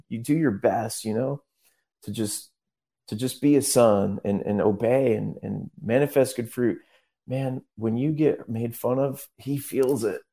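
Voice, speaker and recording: A man's voice: mid-range voice, warm tone. A man speaking as a guest minister in a casual interview, earnest and rambling, often restarting his sentences.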